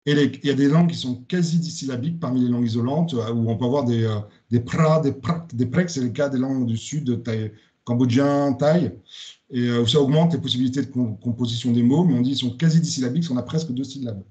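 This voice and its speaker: A man's voice: mid-range voice, quick pace, darkish tone. A man giving a spoken lecture presentation, hesitant, with many fillers and restarts.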